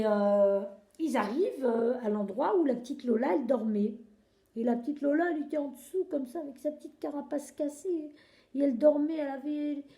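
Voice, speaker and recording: A woman improvising a children's story, animated and expressive, pausing now and then to find words. Her voice sits a little high yet mellow and dark. The room around her is echoey.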